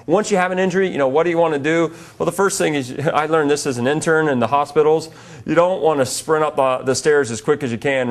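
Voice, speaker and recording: A middle-aged man, a sports medicine doctor giving an informal seminar and speaking conversationally with many fillers. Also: medium pitch.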